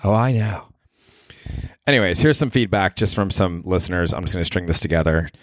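A man's voice: low-pitched, lively intonation, fast, dry recording, clean studio sound. An American man hosting a solo comedy podcast in casual chat, profane, rambling and self-mocking. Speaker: podcast host.

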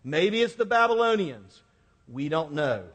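In a long-reverb, echoing hall, a preacher gives a conversational, colloquial sermon to his congregation, repeating phrases for emphasis. His high-ish, slightly bright voice is very animated, though his pace stays measured.

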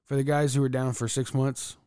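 A man's voice: mid-range voice, little pitch movement, fairly quick, dark tone, smooth, dry recording, clean studio sound. A man working as a corrections officer, a podcast guest telling blunt, profane stories in casual chat.

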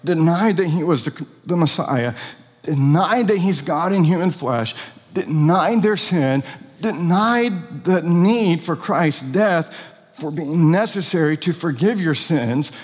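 A man's voice: a little high, lively intonation, takes it slowly, long reverb tail. A pastor preaching an expository sermon, earnest and emphatic, asking rhetorical questions of his congregation.

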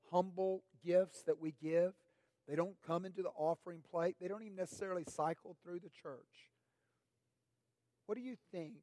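Preaching with a voice gone raspy this morning, a middle-aged pastor delivers his sermon slowly and deliberately, his voice lifting whenever he asks a question. He sounds high-pitched and warm, recorded with no room sound.

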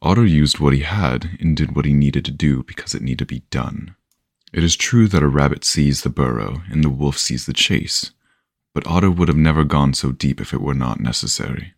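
A patient old storyteller with a wry, knowing way of explaining things, as a man reads him out in a very deep voice. He takes his time and lectures gently, close and dry with no room around him. The tone stays teasing but kind. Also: normal speed, vocal fry, no room sound, heavily acted.

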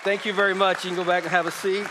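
A man's voice: high-pitched, little pitch movement, very fast, a crowd in the background, background noise. A man preaching conversationally at a pulpit microphone, informal, often stammering over the starts of his phrases. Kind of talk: conversational sermon to a congregation. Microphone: pulpit or stage microphone over PA. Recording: echoey hall with long reverb.

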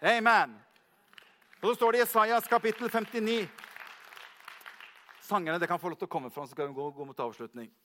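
A man with a high voice preaches a sermon with emphasis. He asks his own questions and answers them at once. When he reads scripture aloud, he stretches the words out slowly. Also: fairly even intonation, pushed and bright, a faint crowd, a little hiss or hum.

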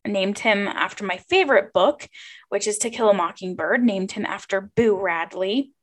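A woman's voice: mid-range voice, normal speed. A young woman hosting a podcast, talking alone in a chatty, informal and confiding way about personal things. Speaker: podcast host.

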